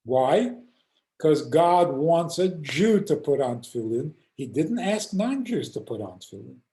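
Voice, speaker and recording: Slow, dark-voiced older rabbi teaching. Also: male voice, on the high side, roomy sound, poor audio. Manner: animated storyteller acting out quoted voices. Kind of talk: teaching talk with stories. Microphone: video call.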